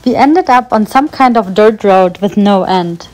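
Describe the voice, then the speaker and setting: A woman narrating a travel vlog in a calm, explanatory scripted voice-over. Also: medium pitch, measured pace, faint music behind.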